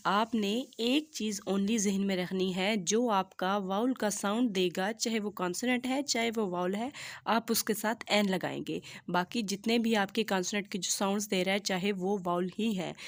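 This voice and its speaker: A woman, teaching English grammar in a patient, step-by-step lesson and often checking that students follow. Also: medium pitch. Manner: patient, repeats "theek hai" to check understanding; spells out English examples slowly and deliberately. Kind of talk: classroom lesson explaining articles.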